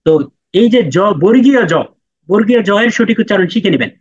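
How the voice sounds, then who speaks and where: A man's voice: high voice, animated, brisk, breathy edge. A man teaching Quran letter pronunciation in a lesson, patiently repeating each sound for students to echo. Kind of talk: online class lesson. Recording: dry, dull lo-fi sound.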